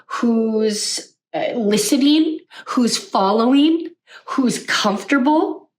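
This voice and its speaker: A woman coaching on social skills in an energetic, conversational way, often checking in with the listener. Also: fairly high pitch, slow pace, recorded from a distance. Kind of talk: teaching to camera.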